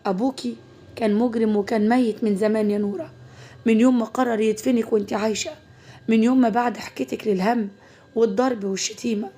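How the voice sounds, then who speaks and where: A steady young Egyptian man who speaks in measured, firm words, as a woman narrator puts him on. The voice stays husky and higher than a man's. It comes from a storybook reading. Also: close to an everyday voice. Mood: gentle. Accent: Egyptian Arabic. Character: stern young man, calm and confronting.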